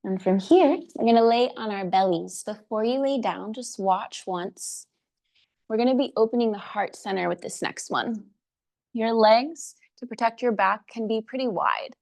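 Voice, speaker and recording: A woman's voice: fairly high pitch, moderate pace, creaky. Woman cueing a yoga class. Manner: calm step-by-step cueing of breath and poses; slightly out of breath while demonstrating. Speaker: yoga teacher. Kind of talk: live online yoga class instruction. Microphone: video call.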